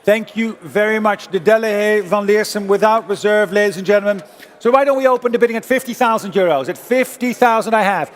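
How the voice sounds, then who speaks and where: A man working as an auctioneer, calling bids in a formal, insistent way and repeating figures over and over. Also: sits high. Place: large auction hall, indoors. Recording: long-reverb hall sound.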